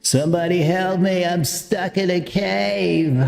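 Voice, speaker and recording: A man's voice: high-pitched, takes it slowly, creaky, darkish tone, soft background music. A young man talking casually and swearing, amused, his voice run through a cave echo voice filter on his mic. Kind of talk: casual mic-effect testing. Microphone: streaming mic through a voice-effect app.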